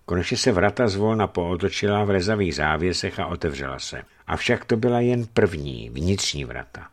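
A man narrating a historical adventure story in an expressive, dramatic reading. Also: deep voice. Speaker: audiobook narrator. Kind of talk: scripted narration.

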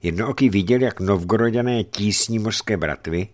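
Deep-voiced man reading an adventure story. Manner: measured, dramatic reading with acted shouts. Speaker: audiobook reader. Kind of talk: storybook narration.

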